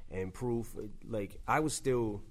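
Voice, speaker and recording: A man's voice: medium pitch, slow pace. A man speaking as a guest in a casual interview, rambling through his memories with many restarts. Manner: rambling, lots of "you know" and restarts. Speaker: rapper guest.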